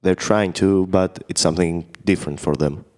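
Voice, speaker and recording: A man with a very low, smooth, resonant voice. He answers in short, plain statements. The room gives his voice a long reverberant tail. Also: steady tone, normal speed, a little mellow. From Greece. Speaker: podcast guest. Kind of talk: casual discussion answers.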